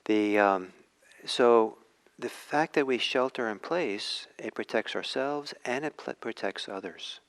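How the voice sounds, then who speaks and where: A man from Norway, giving a reflective dharma talk with many pauses and restarts. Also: medium pitch. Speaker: meditation teacher.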